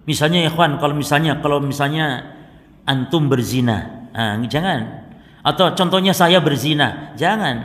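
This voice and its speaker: A male religious teacher with a slightly high voice, reciting Arabic passages and explaining them to his congregation. His voice echoes with a long reverb through a large hall. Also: fairly bright tone. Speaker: Islamic teacher. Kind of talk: religious study lesson.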